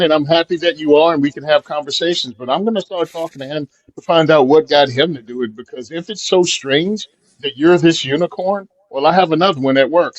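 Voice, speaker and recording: A man's voice: fairly high pitch, dry recording, rough recording. A man co-hosting a podcast, talking bluntly and emphatically, sometimes thinking aloud with a little laugh. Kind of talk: casual podcast chat.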